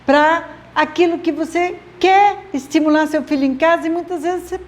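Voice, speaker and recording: A woman, a literacy teacher explaining to parents slowly and patiently, often checking they follow. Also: very high-pitched. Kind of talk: instructional video talk to parents.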